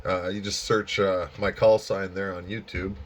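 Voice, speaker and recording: Speaking at a normal speed with a low voice and flat delivery, a man makes casual conversation over ham radio. He runs an amateur radio station, makes videos as a hobby, and comes across as easygoing and folksy.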